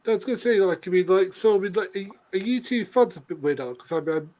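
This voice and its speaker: Rambling man, higher voice. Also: animated, fast, a little mellow. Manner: rambling, filler-heavy. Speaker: co-host. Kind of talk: casual reaction chat.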